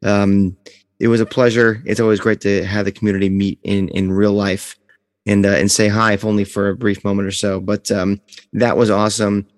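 A man's voice: lowish voice, level tone, moderate pace, no echo, clean studio sound, big-room sound. A man hosting a podcast in a casual, chatty style. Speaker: podcast host. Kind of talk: casual chat.

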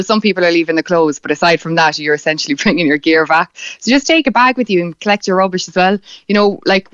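A woman's voice: fairly low pitch, a bit bright, clean tone, no room sound, muffled recording. A young woman with a west of Ireland accent, chatting casually as an interview guest. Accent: west of Ireland (County Clare). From County Clare, west of Ireland. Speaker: interview guest, marine biologist and beach cleanup organiser.

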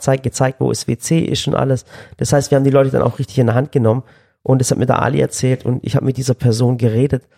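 A young man with a gravelly, mellow voice tells a story in a casual chat. He rambles and restarts as he acts out the dialogue he quotes. His pitch is average for a man.

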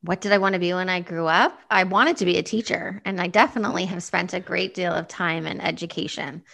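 A woman's voice: fairly low pitch, steady tone, fairly quick, gravelly, a bit bright. A woman in her fifties, answering interview questions thoughtfully and with some hesitation. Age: 50s. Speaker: guest.

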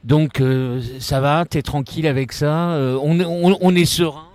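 A man's voice: fairly high pitch, fairly even intonation, unhurried, a little mellow, no room sound. Hesitant male podcast host, dry sound. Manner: hesitant, many fillers and restarts. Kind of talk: casual interview.

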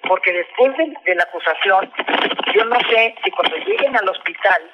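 A woman's voice: mid-range voice, lively intonation, moderate pace, lo-fi sound, noisy background. A woman giving testimony in an interview, insistent and repeating herself as she acts out what others said.

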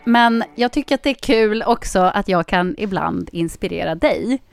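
A woman hosting a podcast in casual chat, lively and enthusiastic. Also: mid-range voice, gravelly, faint music behind. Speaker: podcast host and sports commentator.

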